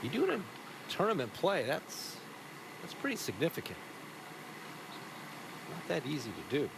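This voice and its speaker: Lively male golf commentator, outdoor noise behind. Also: a little high, moderate pace, vocal fry. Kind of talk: golf commentary, reading shots and putts.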